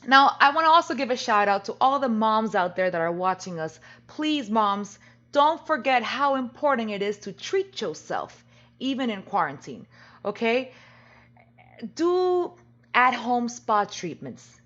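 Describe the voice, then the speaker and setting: A woman's voice: a little high, animated, normal speed, pushed and bright. A woman hosts a comedy variety show, tossing out sassy jokes and asides. Her audio is somewhat dull and lo-fi. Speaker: host.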